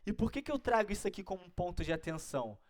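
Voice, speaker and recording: A man's voice: high-pitched, sing-song, racing, a little hiss or hum. A man with a Brazilian Portuguese accent teaching an exam-prep grammar lesson, explaining step by step and checking in with his students often. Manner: didactic, keeps checking in with listeners.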